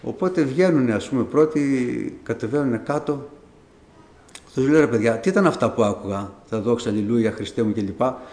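Middle-aged man, faith testimony, storytelling, acts out remembered dialogue, mid-pitched voice, echoey room. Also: a little mellow. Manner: conversational storytelling, acting out dialogue with reported speech. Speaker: church member giving testimony. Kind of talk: personal faith testimony to a congregation.

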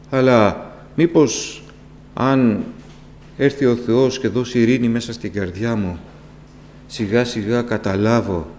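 A male preacher delivers a sermon in a church hall, speaking with passion and lifting his voice sharply as he presses a point. He turns to the congregation with rhetorical questions, his pitch sitting in an ordinary middle range for a man. The recording carries a long reverb and a faint hum underneath. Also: a little mellow. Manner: impassioned, with sudden rises in pitch and volume; asks rhetorical questions and addresses the congregation directly.

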